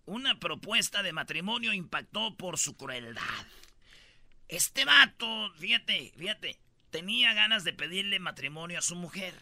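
A man's voice: high voice, lively intonation, moderate pace, sharp tone, no room sound. A man from Michoacán with a Mexican accent, hosting a comedic countdown with slangy, joking storytelling. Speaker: host.

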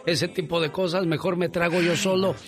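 A man's voice: high voice, level tone, moderate pace, faint music behind. A man hosting a call-in radio show, joking with his co-host and giving the caller earnest advice.

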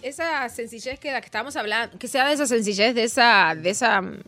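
A woman's voice: fairly high pitch, fast talker, sharp tone. A woman from Argentina with an Argentine Spanish accent, chatting earnestly and at length as a talk-show guest. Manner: talkative, earnest. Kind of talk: casual talk show chat.

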